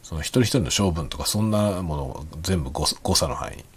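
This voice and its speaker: A man talking quietly and rambling in a late-night solo chat, with soft chuckles and self-deprecating remarks. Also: low voice, lively intonation, fairly quick, husky. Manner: speaks quietly while drinking. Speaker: podcast host.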